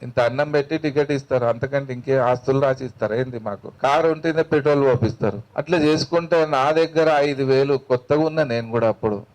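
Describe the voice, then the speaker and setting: A man's voice: medium pitch, a little fast, few pauses, darkish tone, rough recording. A man with a Telangana accent, a meditation teacher giving a spiritual talk in a colloquial storytelling manner, acting out the dialogue. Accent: Telangana Telugu.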